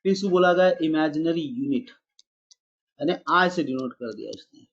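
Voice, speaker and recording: A man's voice: a little high, expressive, normal speed, lo-fi sound. A man teaching a math class online, calling his students "beta" and mixing English math terms into his explanations.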